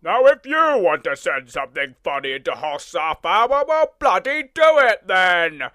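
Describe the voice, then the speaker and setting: Cheeky host, high and lively voice, unhurried delivery. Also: male voice, background noise. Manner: cheeky, rowdy call to the audience.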